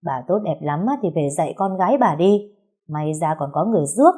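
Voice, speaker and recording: A woman voicing a sharp-tongued older mother who scornfully defends her son. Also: on the low side, expressive, a little fast, husky. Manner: scornful, quarrelsome.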